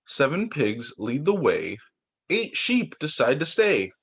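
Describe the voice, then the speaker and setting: This young man's husky voice sits fairly high and moves slowly as he reads picture books to small children. He's a preschool teacher, and his story-time reading is sing-song and expressive, with rhymes. It's captured on a video call.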